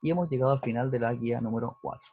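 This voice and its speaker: A man's voice: medium pitch, rapid-fire. A male physics teacher, talking through a recorded lesson and often checking in with his students. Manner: explanatory, checks in with "¿cierto?" and "¿ya?". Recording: dry, husky, phone-like narrowband audio.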